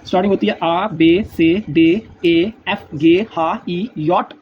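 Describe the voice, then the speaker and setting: A man teaching a language lesson, repeating letter sounds slowly and patiently in a casual spoken style. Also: sits high, steady tone. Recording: dull lo-fi recording, faint noise.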